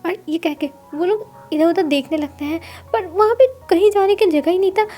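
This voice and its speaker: A woman telling a love story aloud in a casual, conversational way that loops back on itself. Her voice is high yet mellow and warm. She speaks as the storyteller throughout. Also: fairly quick. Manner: conversational, repetitive retelling. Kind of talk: retelling fan fiction aloud.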